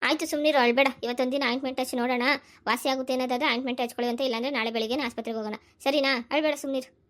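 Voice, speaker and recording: A woman voicing a worried, sharp-tongued mother in a cartoon, scolding and nagging. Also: on the high side, close to an everyday voice. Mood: soothing. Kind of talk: cartoon voice acting.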